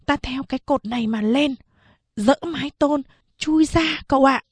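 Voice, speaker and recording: A woman's voice: high voice, normal speed, no room sound, pitched above the performer's own voice, natural voice. Woman putting on an eager, pleading young boy. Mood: urgent coaxing. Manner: urgent, coaxing. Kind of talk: audiobook character voice.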